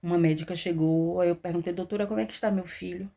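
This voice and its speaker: A woman, telling her own testimony as a mother with emotional, animated storytelling. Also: fairly low pitch, fast talker, vocal fry. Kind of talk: personal testimony vlog.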